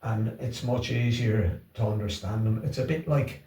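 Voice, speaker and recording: Speaking from a distance in an echoey room, a middle-aged or older man with a Wexford accent talks casually in an interview about organising Irish language classes. His voice is lowish and warm, moderately paced, with hesitations and repeated words.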